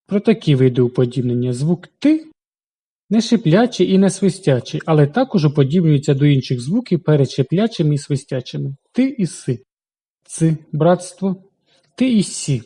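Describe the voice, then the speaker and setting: A man narrating a scripted grammar lesson, pronouncing example sounds slowly and clearly. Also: on the high side, warm tone. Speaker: language teacher.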